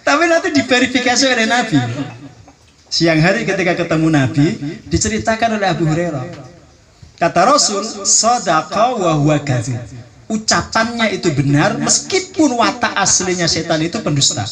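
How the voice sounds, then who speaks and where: A man's voice: sits high, lively intonation, a little fast, crowd noise. A middle-aged man with a Javanese accent giving a humorous, chatty religious lecture to counselors. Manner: joking, chatty, mixes in Javanese words. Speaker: Islamic preacher training religious counselors. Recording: live hall with audience laughter.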